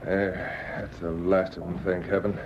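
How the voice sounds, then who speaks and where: An actor playing a rough, uneducated henchman in an old-time radio adventure, grumbling in folksy, ungrammatical talk. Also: deep voice, little pitch movement, unhurried. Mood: pleased, weary. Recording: hissy, dull vintage radio recording.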